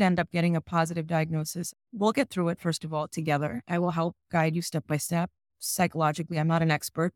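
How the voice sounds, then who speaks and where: A woman's voice: on the low side, no echo. Woman, psychologist guest, earnest explainer, dry close-miked voice. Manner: earnest, explanatory, tells patient stories. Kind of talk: conversational podcast interview.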